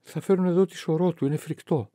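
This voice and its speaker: A man's voice: fairly high pitch, mellow, no echo, studio quality, voice pushed up, close to an everyday voice. A man voicing a shy, frightened young woman who speaks timidly, in an audiobook reading. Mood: shy tender.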